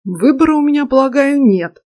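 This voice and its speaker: Brief: ironic young guy student, read by a woman, mellow dry tone. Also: high-pitched, expressive, brisk, no room sound, voice pushed up. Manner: ironic, indignant. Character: sarcastic young male student, first-person hero.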